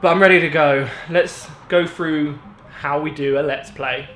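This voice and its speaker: A man's voice: fairly high pitch, steady tone, measured pace, a bit bright. A British man in his twenties chatting informally as a gaming vlogger, explaining things casually in a very echoey room at home. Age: 20s. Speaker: gaming video creator. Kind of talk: casual vlog chat. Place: echoey room in parents' house. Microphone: on-camera shotgun mic.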